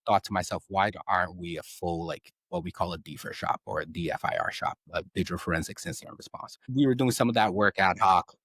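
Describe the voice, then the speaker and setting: A man in his thirties, raised in Brazil, tells his story with energy and a very low voice. The sound is dry and close. He repeats words and keeps tagging on "right?". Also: fast, hardly any pauses, fairly bright tone, dry recording. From Southeast Brazil. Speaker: guest. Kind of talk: casual interview talk.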